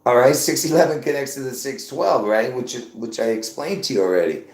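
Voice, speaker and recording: Talking fairly quickly, a man in his fifties rambles through a live stream, repeating himself and hammering his point home to the viewers he addresses as "folks." His pitch sits in the ordinary middle range for a man. A noticeable echo fills the recording from the roomy space.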